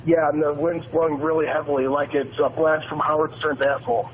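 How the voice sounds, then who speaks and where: A man's voice: a little high, little pitch movement, a little fast, narrow, tinny audio, slight background noise. A man calling in live, answering in a hesitant, plain-spoken way. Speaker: phone-in caller to weather coverage. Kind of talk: live call.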